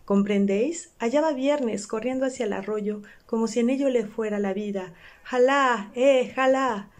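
A woman reading aloud, voicing an old male miser who cries out excitedly at childhood memories. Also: moderate pace, natural voice. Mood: giddy. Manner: excited exclamations, high and loud.

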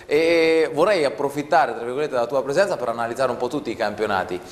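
A man's voice: medium pitch, quick pace. A man hosting a studio sports interview, chatty, often finishing the guest's sentences, recorded in a TV studio. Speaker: sports show host. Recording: roomy studio with long echo, faint noise.

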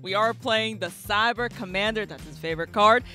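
A woman's voice: mid-range voice, normal speed, bright, forceful tone, soft background music. A woman co-hosting a card game video, chatting casually and teasing her opponent with a giggly manner. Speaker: co-host. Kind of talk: casual gaming commentary.

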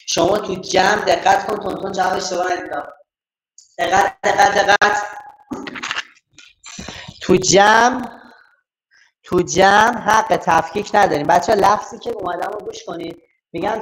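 A man's voice: high-pitched, fairly bright tone. A man from Iran teaching an online math class, playful and affectionate with his students. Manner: playful, affectionate, talks to students as dear ones. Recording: very echoey room.

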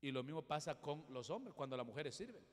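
A male pastor, preaching a sermon with emphatic swings between loud exhortation and quiet asides. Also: fairly high pitch, very animated, a little fast. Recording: long hall reverb.

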